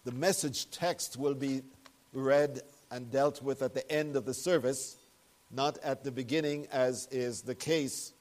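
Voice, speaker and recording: A man leading a prayer and preaching a sermon at a pulpit microphone in a church, speaking in a measured, earnest way with solemn emphasis. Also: mid-range voice, steady tone, a little mellow. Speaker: pastor. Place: church sanctuary.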